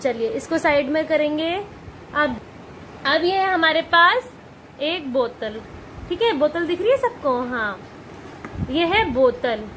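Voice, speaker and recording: A woman's voice: high voice, lively intonation, takes it slowly, pauses often, fairly bright tone, slight background noise. A woman teaching a grammar lesson to young children, patiently asking and repeating questions and calling her pupils dear. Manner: patient, repetitive questioning, calls pupils beta. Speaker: primary school teacher.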